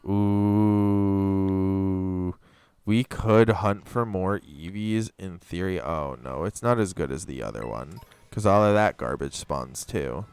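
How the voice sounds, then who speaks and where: A man's voice: low voice, slow pace, a little mellow, smooth, no room sound, soft background music. A young man streaming a game, chatting casually and rambling through a story while swearing freely. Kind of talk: casual chat while gaming.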